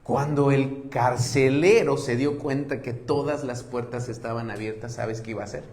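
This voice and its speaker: A male pastor preaching a sermon, retelling a story with lively rhetorical questions and touches of humor. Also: mid-range voice, normal speed.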